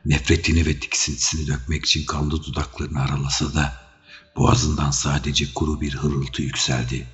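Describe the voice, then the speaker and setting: A man narrating an adventure audiobook in a measured, dramatic reading. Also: rumbling low, flat delivery. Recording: dull audio with faint music.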